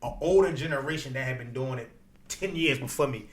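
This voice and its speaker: A man with a Baltimore accent telling stories casually as an interview guest, in slangy, unfiltered, animated speech. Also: mid-range voice, brisk. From Baltimore, United States. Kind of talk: casual conversational storytelling.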